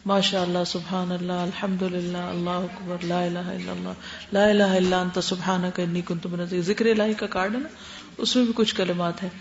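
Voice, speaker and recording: A woman's voice: lowish voice, flat delivery. Brief: woman Quran teacher, explanatory lecture tone, roomy lo-fi recording. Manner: explanatory, mixes English words into Urdu. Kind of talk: classroom Q&A lecture. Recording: roomy, dull lo-fi classroom recording.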